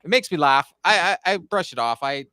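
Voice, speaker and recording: Brisk, forceful and bright, his higher-leaning voice has smooth texture and lively intonation. The Canadian hockey YouTuber, in his forties, rambles chattily about his channel on a podcast, full of fillers and restarts, in a dry, clean studio recording.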